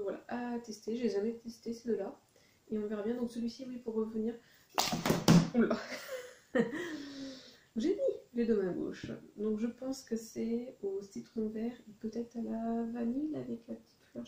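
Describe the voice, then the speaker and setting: Chatty woman with a dark, mellow voice. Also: a little high, steady tone, moderate pace, echoey room, low-quality recording. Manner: rambling, self-correcting, chatty. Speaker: vlogger showing shopping haul. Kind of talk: casual chat.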